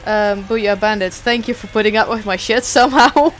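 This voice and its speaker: A woman's voice: mid-range voice, moderate pace. A young adult woman streamer chatting casually, rambling and self-deprecating, swearing now and then.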